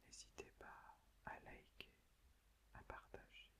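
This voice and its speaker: Female ASMR presenter, library whisper, soft and breath-only, careful explanatory delivery. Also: slow. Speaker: ASMR video host.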